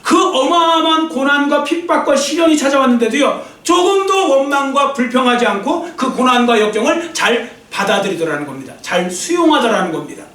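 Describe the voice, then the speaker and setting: A man's voice: very high-pitched, expressive, fairly quick, few pauses, fairly bright tone, roomy sound, recorded from a distance. A male pastor preaching a sermon, speaking directly and emphatically to the congregation, sometimes joking with them.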